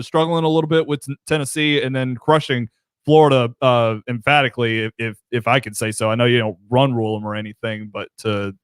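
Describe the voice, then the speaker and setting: Smooth-voiced male sports radio host. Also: mid-range voice, no room sound, studio quality. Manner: relaxed conversational host who asks questions and trails into asides. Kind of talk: casual sports radio talk.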